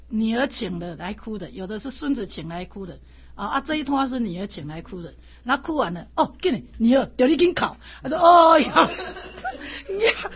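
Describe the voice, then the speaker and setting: An older woman from Taiwan, a lay Buddhist teacher, telling animated stories in a casual way and laughing often. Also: fairly high pitch, slightly rough. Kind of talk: casual storytelling talk. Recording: dull lo-fi recording.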